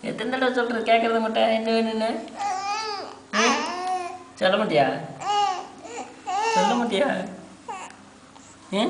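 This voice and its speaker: A woman in a home video, softly and teasingly asking a baby the same questions over and over to coax it to sleep. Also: a little high. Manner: soft, teasing, repetitive questioning. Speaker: caregiver talking to a baby. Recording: echoey room with steady background noise.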